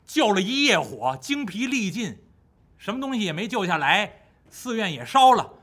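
A male storyteller performing a classic tale in the traditional Chinese style, with a high, bright voice that rises and falls dramatically. His delivery is rhythmic and vivid, pulling the listener along. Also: sing-song, normal speed.

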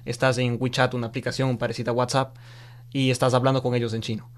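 A man's voice: medium pitch, fast talker. Man, young adult, from Ecuador, interview guest, casual chatty talk, easy laughter. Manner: relaxed, chatty, laughs easily. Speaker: interview guest, student of Chinese.

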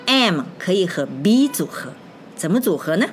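During an English phonics lesson, a woman whose voice is on the low side stays very animated while talking slowly and carefully, spelling letters aloud and saying each word twice. Soft music plays in the background.

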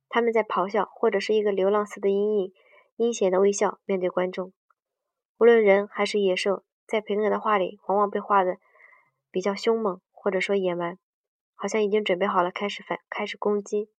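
A woman's voice: medium pitch, dry recording. Woman reading aloud, distant and muffled. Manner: hesitant reading with frequent restarts and self-corrections. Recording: dull distant dry sound.

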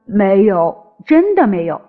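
A woman's voice: mid-range voice, big pitch swings, slow, voice pushed down. A woman voicing a brash, fearless young man in a storybook reading. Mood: puzzled. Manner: cocky, brash. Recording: slightly dull with faint music.

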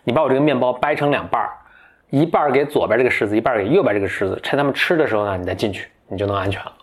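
A man's voice: medium pitch, racing, lightly acted. A man voicing a cheeky, sly magical male dwarf from a fairy tale, who teases with wheedling questions. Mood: helpful.

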